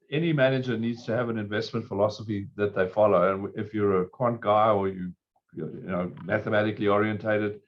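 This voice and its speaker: A fund manager with a hoarse, croaky voice explains his approach step by step. He speaks low and steady. The sound is dull and lo-fi. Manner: measured, explanatory. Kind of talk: interview answers.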